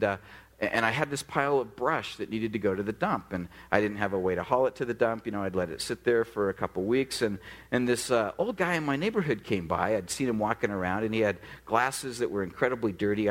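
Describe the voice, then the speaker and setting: A middle-aged man, a pastor, preaching a sermon with animated storytelling and acted-out dialogue. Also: fairly low pitch.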